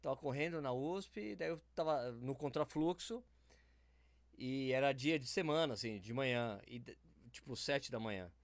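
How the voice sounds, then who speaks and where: A man from São Paulo, Brazil, with a São Paulo accent, telling stories in a casual, animated chat and acting out the people in them. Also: mid-range voice, normal speed, no echo. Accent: São Paulo Portuguese.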